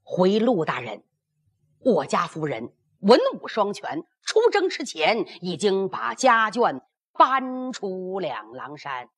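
Woman storyteller as gravelly, nervous male spy. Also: medium pitch, very animated, slow pace, fairly bright tone, exaggerated voice. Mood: deferential, flustered. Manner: gravelly, dramatic storyteller delivery. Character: nervous, nosy male spy posing as army officer. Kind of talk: storytelling character dialogue.

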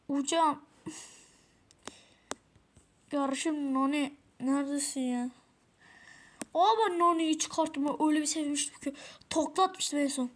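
A woman giving casual, excitable gameplay commentary, swearing often and talking to herself as she plays. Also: high-pitched. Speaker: gamer playing a mobile game.

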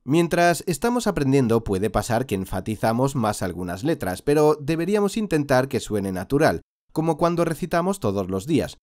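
Male instructor, patient repeat-after-me teaching, lively intonation, dry close sound. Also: mid-range voice, no room sound. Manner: patient, drawn-out demonstration of sounds. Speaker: Quran recitation teacher. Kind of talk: slow instructional lesson with repeat-after-me drills.

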